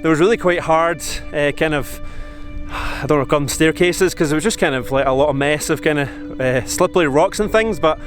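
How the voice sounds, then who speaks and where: A Scottish man of forty talking casually to camera outdoors on a mountain, reflective and halting, shivering a little in the cold. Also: fairly high pitch, over music. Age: 40s. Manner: halting, reflective, many restarts and fillers. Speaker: vlogger.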